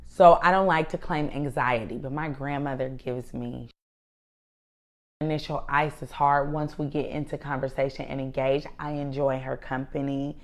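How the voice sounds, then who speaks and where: Low-voiced woman telling candid stories. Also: steady tone, moderate pace. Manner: candid, emphatic storytelling with frequent swearing. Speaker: podcast co-host. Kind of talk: casual chat.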